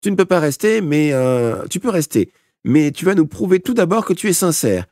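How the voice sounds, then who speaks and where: A man's voice: fairly high pitch, sing-song, moderate pace, a little mellow, dry recording, studio quality, voice pushed up. A man doing a bossy, teasing boy. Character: bossy, mocking boy ringleader.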